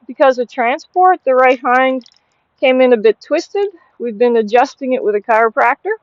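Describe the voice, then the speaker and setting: A woman's voice: on the high side, dry recording, muffled recording. A woman giving hands-on horse training instruction, explaining as she goes and breaking off for short commands and praise to the animal. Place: horse barn aisle, later an outdoor riding ring.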